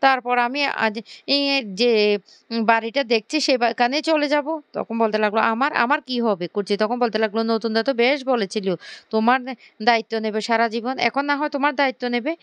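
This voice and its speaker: Smooth-voiced woman recapping a serial. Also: fairly high pitch, no echo. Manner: quick, stumbling retelling with restarts and fillers. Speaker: vlogger retelling a TV serial episode. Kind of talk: spoken plot recap with acted dialogue.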